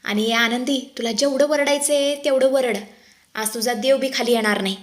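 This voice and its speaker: A woman's voice: on the high side, fairly even intonation, normal speed, close to an everyday voice. A woman voicing a gloating, menacing male villain in a serial recap. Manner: gloating, threatening. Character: lecherous menacing man, villain.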